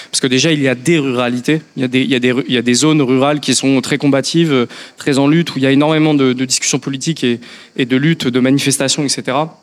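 Male politician guest, quick and hesitant delivery, long reverb in a hall. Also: mid-range voice. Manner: thoughtful, many hesitations and restarts. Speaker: member of parliament guest. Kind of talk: political discussion.

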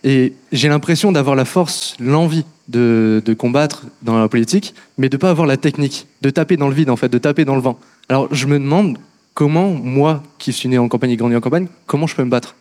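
A man's voice: mid-range voice, brisk, darkish tone. A man who grew up in the countryside, earnestly asking a question in a political discussion.

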